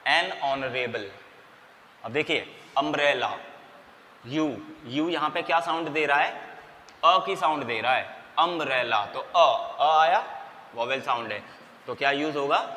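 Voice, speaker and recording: This man's voice runs on the high side, bright and forceful, delivered at a moderate pace. He teaches English grammar in Hindi, spelling letters aloud and answering the questions he raises. Long reverb and faint noise sit under the recording.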